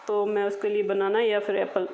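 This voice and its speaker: A woman's voice: medium pitch, completely flat delivery, a little fast, darkish tone, low-quality recording. A woman in her thirties chatting casually to viewers in a home vlog, talking to them directly. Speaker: vlogger.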